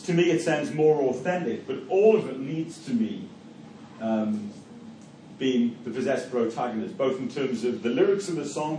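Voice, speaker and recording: With a warm, medium-pitched voice, a middle-aged Geordie from Newcastle, England, delivers a university lecture and leads a class discussion. His speech is hesitant, with repeated words, restarted phrases and frequent fillers. It was recorded from a distance in an echoey room, with faint noise.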